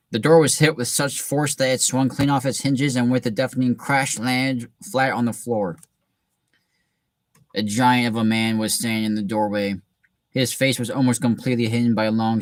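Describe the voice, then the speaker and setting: A man hosting a reading session and reading a story aloud in a relaxed way, with frequent restarts. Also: medium pitch, no echo. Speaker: host reading a book aloud. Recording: distant mic in a dry room.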